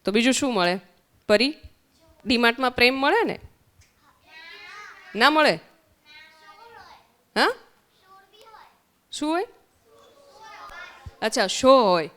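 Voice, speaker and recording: A woman with a Gujarati accent questions children during an interactive summer camp lesson in a centre hall, repeating what they answer. She talks slowly with long pauses, in a fairly high, animated, slightly bright voice.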